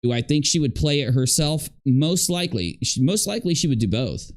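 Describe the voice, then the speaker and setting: A man hosts a casual reaction livestream, addressing his viewers directly and throwing out hypothetical questions. His voice runs on the high side, with lively intonation and a slightly quick pace.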